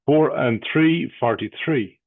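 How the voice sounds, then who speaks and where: A man's voice: mid-range voice, slow pace, no echo. An Irish man working as a bingo caller, calling out numbers digit by digit and then whole, with traditional rhymes. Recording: thin, phone-like band-limited sound.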